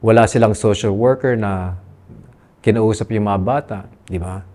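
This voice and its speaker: A man with a dark, fairly low voice and a Filipino accent talks at a moderate pace, giving candid testimony about his own experience in an interview. He sounds earnest and aggrieved, moving between Tagalog and English partway through sentences.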